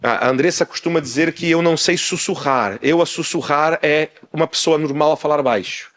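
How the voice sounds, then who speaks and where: A man preaching a sermon as pastor, loud by habit and animated, acting out small dialogues as he explains. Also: on the high side, fairly quick. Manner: animated, acts out little dialogues; speaks loudly by habit. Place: church in Portugal.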